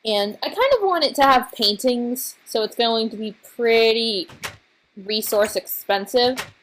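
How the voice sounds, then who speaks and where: A woman casually commenting on her own gameplay, tired and recovering from being sick, rambling and halting as she trails off and restarts her thoughts. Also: on the high side, a bit bright, slight background noise, low-quality recording. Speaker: let's play host.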